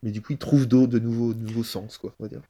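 Halting, mellow-voiced man. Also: mid-range voice, steady tone. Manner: halting, many restarts while thinking aloud. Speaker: guest improviser. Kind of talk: casual interview chat.

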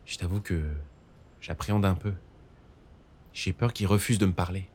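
A man voicing a shy, anxious young man who speaks softly and hesitantly in an audiobook story. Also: low-pitched, level tone, moderate pace, long reverb tail, slight background noise, close to an everyday voice. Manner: hesitant, soft-spoken.

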